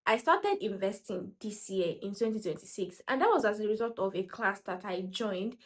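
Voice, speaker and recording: A woman's voice: medium pitch, animated, moderate pace. A woman gives casual, motivational finance talk to camera. She speaks emphatically and repeats her points. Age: 20s. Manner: emphatic, repeats points, acts out quoted voices. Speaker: personal finance vlogger.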